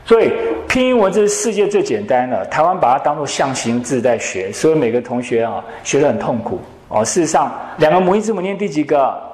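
A male English teacher, lecturing a classroom and quizzing students with quick questions. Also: fairly high pitch, very animated, a little mellow. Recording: echoey classroom.

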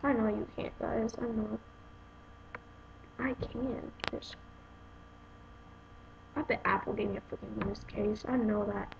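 A woman's voice: mid-range voice, fairly even intonation, measured pace, gravelly, pauses often. A young woman in a casual unboxing review, talking to her viewers in a rambling, exasperated way. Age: young adult. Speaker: vlogger reviewing a phone case. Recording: dull lo-fi home video with noise.

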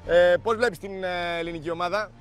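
A man's voice: sits high, steady tone, fast talker, faint music behind. A man hosting a reality competition show, chatty, with frequent hesitant fillers. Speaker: show host.

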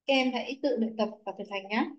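A woman English teacher explaining a lesson to pupils in a clear, patient instructional tone. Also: on the high side, fast, highs cut off.

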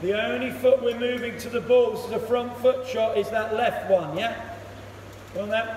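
A man coaching a young batter one-to-one in an indoor cricket net, giving brisk instructions and praise. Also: very high voice, steady tone. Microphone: camera across the net, far off. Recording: echoey hall, voice from far off, loud noise.

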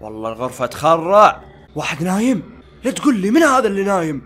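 Male gamer, high lively voice, panicky play-by-play, chats at the screen. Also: fast. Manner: excitable, panicky, talks to game characters. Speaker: gaming channel host. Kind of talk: let's-play commentary.

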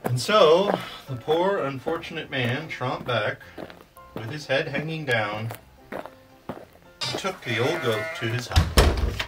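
A male pastor reading a children's story aloud in an expressive, lively way. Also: mid-range voice.

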